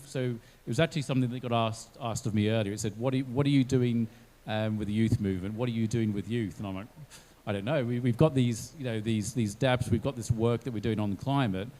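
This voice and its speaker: A man with a mellow, medium-pitched voice sits on an online panel representing a blockchain company. He thinks aloud while talking and often restarts his sentences.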